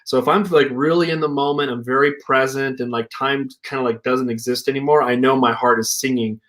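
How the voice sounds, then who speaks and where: A young man speaks casually over a remote call. His voice is mid-pitched, and he sounds thoughtful and unhurried, with frequent filler words as he works through his ideas. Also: steady tone, fairly bright tone. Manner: reflective, hedging with "like" and "you know". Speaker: co-founder and healing practitioner. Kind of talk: casual conversation.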